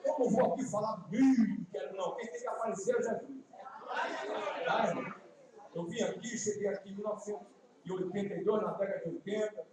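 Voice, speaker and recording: Guest preacher, man, 50s, Northeastern Brazilian accent, folksy and emphatic; high voice, distant mic in a very reverberant church. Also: background noise. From Ceará, Brazil. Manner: folksy, joking asides, then slow emphatic preaching. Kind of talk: evangelistic sermon. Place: church sanctuary. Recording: echoey distant church livestream.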